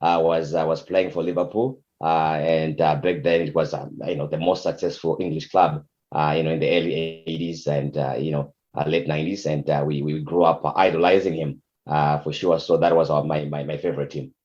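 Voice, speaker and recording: A middle-aged Zimbabwean man, a soccer coach, answering interview questions in a halting way with many fillers. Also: very deep voice, flat delivery, a little mellow, dull audio.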